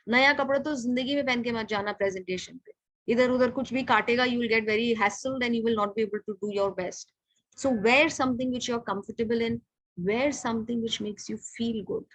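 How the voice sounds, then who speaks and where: A middle-aged Indian woman teaching how to present, talking in a brisk, direct coaching manner and moving between English and Hindi. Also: on the high side, fairly bright tone, no echo, poor audio. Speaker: communication trainer.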